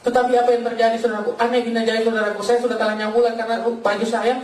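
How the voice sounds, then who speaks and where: A man's voice: very high-pitched, flat delivery, very fast, a little mellow. A man preaching a fervent testimony sermon, telling his story and constantly calling out to his listeners as brothers. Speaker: pastor giving a testimony. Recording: echoey hall, voice from a distance.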